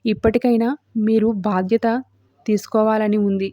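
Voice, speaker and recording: A woman's voice: medium pitch, flat delivery, moderate pace, warm tone, dry recording, close to an everyday voice. A woman reading as a distraught young mother hiding a secret son. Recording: dull dry lo-fi recording.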